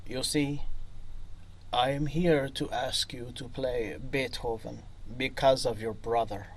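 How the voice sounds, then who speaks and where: A weary former soldier recounts the war with quiet regret, as a man reading the story speaks for him. He talks slowly and gravely, weighing each phrase. The tone stays low and measured throughout. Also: steady tone, a little hiss or hum, poor audio. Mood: earnest.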